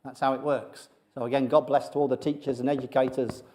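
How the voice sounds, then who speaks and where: A man giving a conversational sermon to a congregation, joking about himself and often pausing with fillers. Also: mid-range voice, little pitch movement, warm tone. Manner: humorous, self-deprecating, many fillers. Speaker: preacher. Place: church sanctuary with congregation.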